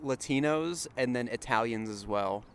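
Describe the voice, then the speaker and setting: A man's voice: medium pitch, moderate pace, clear, resonant tone. A young man co-hosting a podcast outdoors at a mall, chatting in a laid-back, slangy way. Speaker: podcast co-host. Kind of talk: casual chat. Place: outdoors at a mall parking lot.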